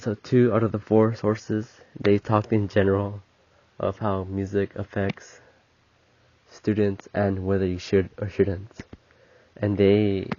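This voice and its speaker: A man's voice: fairly low pitch, dark tone, no echo. A young man with a cold, hosting a casual solo podcast, rambling and correcting himself as he goes. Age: young adult. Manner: rambling, self-correcting, chatty. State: sick, stuffy nose. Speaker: podcast host, college student. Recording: muffled lo-fi sound.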